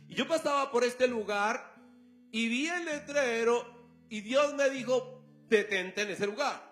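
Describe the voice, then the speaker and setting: A man's voice: very high-pitched, a little slow, a bit bright, faint music behind. A male pastor preaching a sermon, telling a story and acting out the dialogue. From Colombia.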